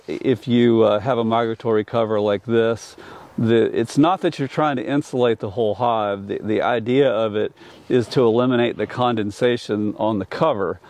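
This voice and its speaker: An older commercial beekeeper from North Carolina, wearing a lapel mic, explains his methods outdoors in an apiary. His medium-pitched voice has a darkish tone, and he speaks plainly and practically, restarting often.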